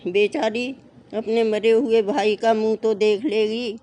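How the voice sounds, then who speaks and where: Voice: medium pitch, flat delivery, measured pace, dark tone, close to an everyday voice. A storyteller voicing a callous foolish husband. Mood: offhand.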